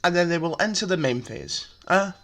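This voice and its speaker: Casual male presenter with a slightly high voice, talks through a deck with frequent fillers. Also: expressive, brisk, a bit bright. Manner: chatty, filler-heavy, explains step by step. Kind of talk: casual card game explanation.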